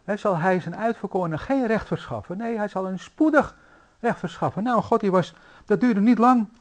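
A man preaching a sermon in a church, telling stories in a lively, anecdotal way with frequent fillers. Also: sits high, normal speed. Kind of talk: sermon storytelling.

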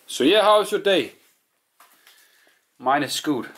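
A man from Denmark, an urban explorer, narrates a casual walkthrough of an abandoned house and barn, covering interior and exterior spaces. He talks slowly and to himself in a musing, halting way, with a fairly high, animated voice that is a bit bright and husky.

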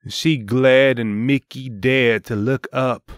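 A man hosting and narrating a dark story in a solemn, deliberate, dramatic scripted style. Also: mid-range voice, fairly even intonation, clean tone, dry recording, clean studio sound. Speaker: host and storyteller.

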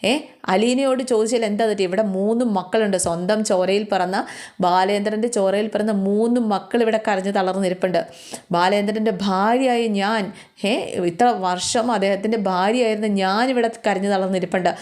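A woman's voice: medium pitch, fairly even intonation, fairly quick, darkish tone, close to an everyday voice. A woman voicing a bitter, jealous middle-aged wife who speaks in a scornful, accusing way. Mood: demanding.

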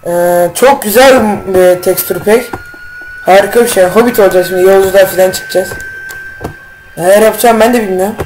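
A man giving casual, rambling let's-play commentary as a gaming YouTuber, slangy and quick to get irritated, with faint game music behind him. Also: sits high, a little mellow, slight background noise, rough recording.

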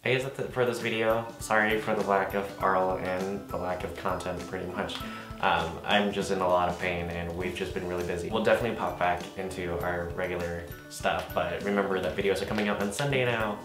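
A man's voice: sits low, steady tone, brisk, echoey room, music in the background. A young man talking casually to camera as a vlogger. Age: young adult.

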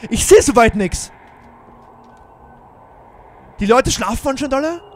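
A man's voice: extremely high pitch, lively intonation, measured pace. A man giving jumpy, exclaiming commentary on a Minecraft role-play adventure, talking straight to his viewers. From Germany. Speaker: gaming YouTuber.

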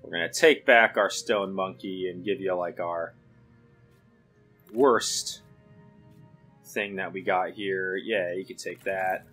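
A man's voice: low voice, fairly even intonation, takes it slowly, long pauses, a bit bright, slightly rough, soft background music. A man giving casual let's play commentary, thinking aloud with lots of fillers as he weighs his options. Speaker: game commentator.

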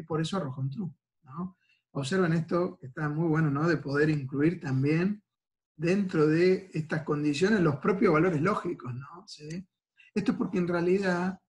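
Man, Argentine Spanish accent, university lecturer, step-by-step explanation, slightly high voice, keeps asking "¿sí?". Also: a little mellow. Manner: explains step by step, checks in with frequent "¿sí?" and "¿no es cierto?". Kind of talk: recorded programming lecture.

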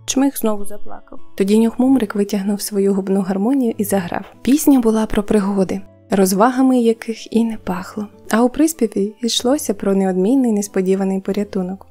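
Woman narrator, children's audiobook, mellow, faint music under. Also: medium pitch, brisk. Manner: even, storytelling. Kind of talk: scripted narration of a children's tale.

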